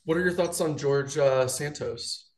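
A man's voice: on the high side, unhurried. A man as a podcast guest in casual chat, teasing and laughing often, with lots of "like.".

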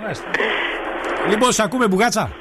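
A man hosting a radio phone-in quiz in a studio, quickly greeting callers and teasing them. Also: high voice, very noisy. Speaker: radio show host.

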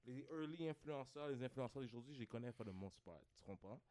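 This podcast guest, a content creator, speaks French with a Quebec accent, drops in English slang, and keeps checking "tu comprends?" during the casual chat. His medium-pitched voice has a darkish tone and lively intonation, and he talks a little fast.

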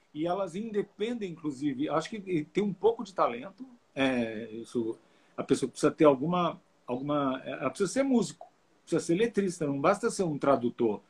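Husky, hesitant man explaining lyric translation. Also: on the high side, animated, moderate pace. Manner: rambling, hesitant, with many restarts. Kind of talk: casual video call interview.

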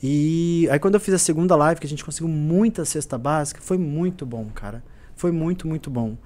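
A man's voice: on the high side, brisk, a little mellow. A man, a musician guest telling stories earnestly in a casual podcast chat. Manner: earnest, repetitive storytelling.

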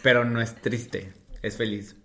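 A man's voice: mid-range voice, fairly even intonation, unhurried, fairly bright tone. A young Mexican man chatting casually as a podcast guest, telling stories expressively with slang and acted-out dialogue. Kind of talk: casual chat, animated storytelling.

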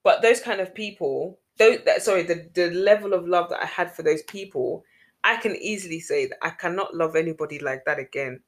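A woman's voice: on the low side, fairly quick. A woman in casual chat with her sister, earnest and a little preachy, repeating phrases for emphasis. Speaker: podcast host.

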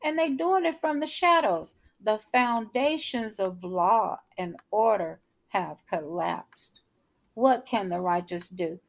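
A woman's voice: medium pitch, animated, slow. A middle-aged woman giving a devotional sermon, earnest and repeating phrases for emphasis. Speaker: preacher.

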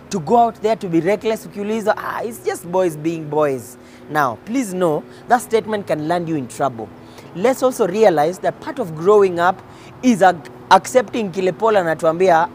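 A man's voice: high-pitched, a little hiss or hum. A Kenyan-accented man giving an informal, emphatic motivational talk, mixing English with Swahili slang and repeating phrases for effect. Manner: code-switches between English and Swahili slang. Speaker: host addressing men on faith and life.

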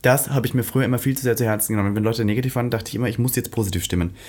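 A man's voice: mid-range voice, rapid-fire, a little mellow, slight background noise. A man co-hosting a podcast in casual, dramatic chat, often dropping English phrases into his talk. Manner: chatty, dramatic, mixes English phrases into German. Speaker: podcast co-host.

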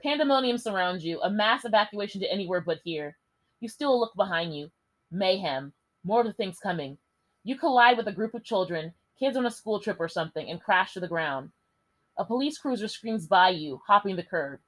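Young woman host, lively reader with foul-mouthed asides. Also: medium pitch, fairly quick, low-quality recording. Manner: lively, swears and jokes between passages. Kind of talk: reading a gamebook aloud.

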